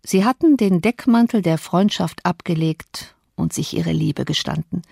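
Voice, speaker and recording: A woman narrating an audiobook in a measured, expressive way, recorded close to the mic. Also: fairly low pitch, vocal fry, breathy edge, no echo. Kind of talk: scripted narration.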